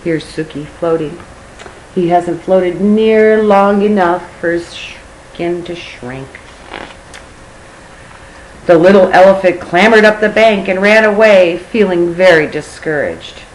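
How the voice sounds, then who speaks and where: A woman's voice: fairly low pitch, slow, a little hiss or hum, rough recording. An older woman, a grandmother, reading a picture book aloud to a child expressively, with chatty asides.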